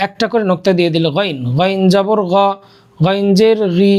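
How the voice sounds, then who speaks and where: A teacher leading a Quran reading lesson, chanting letter and vowel drills in a steady rhythm and then briefly explaining how to say them. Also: medium pitch, moderate pace. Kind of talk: slow drilled recitation lesson.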